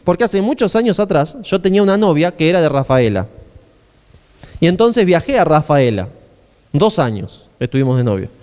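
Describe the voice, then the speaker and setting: A man with an Argentine accent preaching a sermon in a chatty, questioning way. His voice sits high and swings widely in pitch. He sounds smooth and resonant, with a long reverb of a church hall behind him. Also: a little mellow. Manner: conversational preaching with frequent rhetorical questions. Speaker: pastor.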